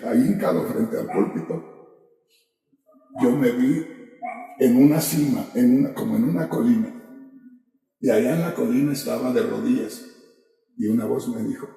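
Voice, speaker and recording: A man's voice: medium pitch, vocal fry, mellow. A man, a pastor giving an impassioned personal testimony during a sermon, his voice rising to cries when he quotes his prayers. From Mexico. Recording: echoey hall from far off.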